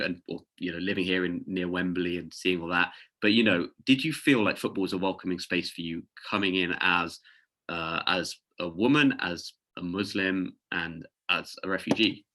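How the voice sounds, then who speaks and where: A man hosting a webinar over a video call, asking long, rambling interview questions with halting restarts. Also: sits low, sharp tone. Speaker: webinar host.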